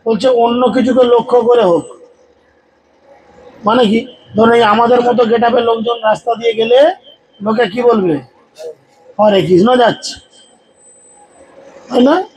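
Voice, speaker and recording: High-voiced man preaching a devotional sermon. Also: unhurried, long pauses, husky, rough recording. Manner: exhorting, humorous, leads crowd in loud chants.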